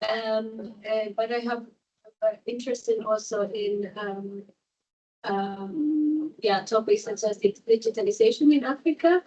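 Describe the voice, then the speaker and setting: A hesitant woman from Ecuador whose voice is going, picked up from a little way off the microphone. She pauses often and fills the gaps with ums. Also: on the high side, mellow, recorded from a distance, highs cut off. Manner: halting, many fillers. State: losing her voice. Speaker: workshop participant. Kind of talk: hesitant audience remarks.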